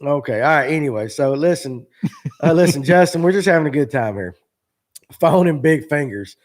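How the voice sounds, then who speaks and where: A man's voice: on the high side, lively intonation, moderate pace. A man, hosting a casual live fishing chat in a rambling, joking way with lots of fillers. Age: 40s. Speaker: show host.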